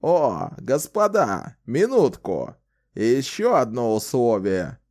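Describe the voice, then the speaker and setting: A man voicing a sly, wry old male wizard who talks in a slow, theatrical, teasing way in an audiobook. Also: medium pitch, big pitch swings, darkish tone. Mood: mocking politeness. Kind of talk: audiobook character voice.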